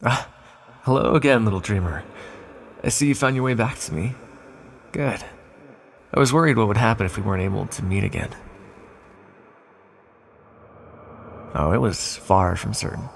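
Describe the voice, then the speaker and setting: A man voices an ancient imprisoned villain in an ASMR roleplay, sly, lonely and tenderly flirtatious, and pleased in mood. He speaks intimately and teasingly, musing with dramatic pauses, in a lowish, gravelly voice. There's slight background noise and a long reverberant echo.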